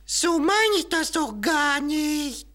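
A forlorn little brown teddy bear pipes up in a very high, trembling squeak. He talks slowly and plaintively, like a toy feeling forgotten. It is a children's audio story. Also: animated, sharp tone, exaggerated voice. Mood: sad.

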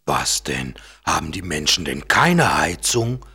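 A man's voice: deep voice, animated, a little slow, breathy edge, heavily acted. A man as a curious little polar bear cub. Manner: wondering, gentle questions. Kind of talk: children's audio story.

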